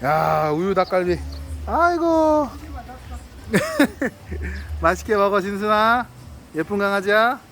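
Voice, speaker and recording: High-voiced man coaxing dogs playfully. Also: big pitch swings, unhurried, fairly bright tone, slight background noise. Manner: coaxing, playful, laughs often, talks to dogs like friends. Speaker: delivery driver vlogger. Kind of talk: casual talk to dogs and owner.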